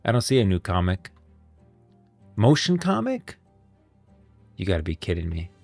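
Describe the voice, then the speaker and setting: This livestream host has a low, creaky, somewhat dark voice that swings widely in pitch at a normal pace. He chats informally with viewers, musing out loud and using slang like guys and bros, over faint music in a dry recording.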